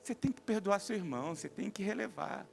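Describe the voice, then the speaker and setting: Brief: tender, calm mother, voiced by a male preacher, quiet and soothing. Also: high voice, fast, creaky, full character voice. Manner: soft, tender, hushed. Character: gentle patient mother soothing her daughter.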